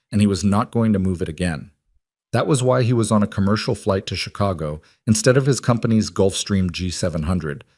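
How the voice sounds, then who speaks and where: A man reading a scripted story in a measured, even storytelling manner. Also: on the low side, dry recording, clean studio sound. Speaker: narrator.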